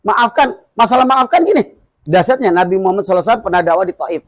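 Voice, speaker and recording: A male Islamic preacher from Indonesia talks through his teaching conversationally, with frequent laughter and long repeated lists. His voice sits high for a man. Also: lively intonation, rapid-fire, no echo.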